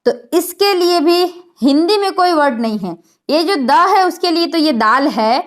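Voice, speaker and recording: High-voiced woman teaching recitation. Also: animated. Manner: patient, explains slowly, models letter sounds aloud. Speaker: online Quran recitation teacher. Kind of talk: spoken tajweed lesson.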